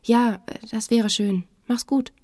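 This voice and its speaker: A woman's voice: on the high side, fairly even intonation, slow pace, a little mellow, dry recording, studio quality. A woman voicing a stressed, ashamed young woman who gives short, hesitant answers in a storybook reading. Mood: evasive. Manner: hesitant and clipped.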